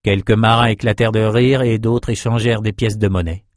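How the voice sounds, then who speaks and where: A man narrating a fantasy novel as an audiobook in a steady, even storytelling manner. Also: lowish voice, a little fast, no room sound, clean studio sound. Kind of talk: scripted narration.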